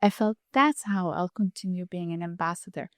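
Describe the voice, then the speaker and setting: In this interview conversation, a chef and food blogger from Saudi Arabia gives long, earnest explanations and keeps restarting her sentences. She speaks in a lowish voice at a moderate pace. The audio is studio quality, with no room sound.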